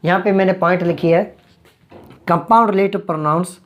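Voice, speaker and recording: Slow, repetitive woman grammar teacher. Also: lowish voice, slight background noise. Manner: slow and repetitive, restating each point several times. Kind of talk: explanatory online grammar lesson.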